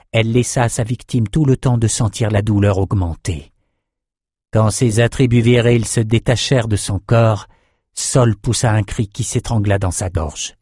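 Low-voiced man narrating an audiobook. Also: a little mellow, no echo, studio quality. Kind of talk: scripted fantasy narration.

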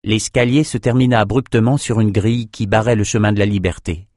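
A man narrating an audiobook in a steady, measured voice. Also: lowish voice, no echo, studio quality.

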